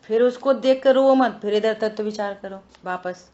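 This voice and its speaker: A woman leading a religious scripture study in a lively conversational way, asking rhetorical questions and teasing her listeners. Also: mid-range voice, normal speed. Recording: dull lo-fi recording.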